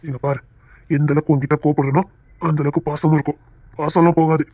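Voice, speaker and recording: A woman's voice: low voice, level tone, fast talker, slightly rough, dry recording. A woman voicing a young husband, a reformed brawler, coaxing and pleading with his wife in an audio drama. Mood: tender soothing. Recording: dull dry lo-fi recording.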